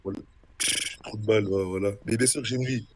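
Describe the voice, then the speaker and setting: A man's voice: fairly low pitch, fairly even intonation, fast talker, background noise. A young man streaming a role-play game, casually mocking and insulting another player in a taunting way. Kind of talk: casual trash talk on stream.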